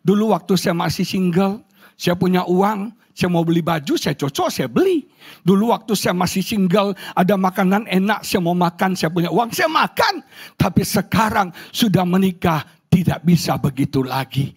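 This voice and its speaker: A man's voice: high-pitched, lively intonation, normal speed, husky. A middle-aged man from Indonesia, a pastor preaching a humorous, exclamatory sermon to his congregation. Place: church hall.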